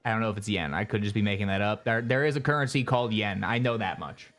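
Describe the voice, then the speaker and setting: A live streamer giving rambling, chatty gameplay commentary while talking to chat, with excitable bursts. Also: mid-range voice, fast talker, soft background music.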